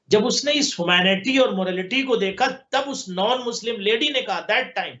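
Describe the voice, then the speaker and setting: A male religious scholar on a live program, slowly reciting Arabic lines and then explaining them in long rhetorical lists of parallel phrases. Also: high-pitched, sharp tone, lo-fi sound. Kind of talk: sermon commentary on a live TV program.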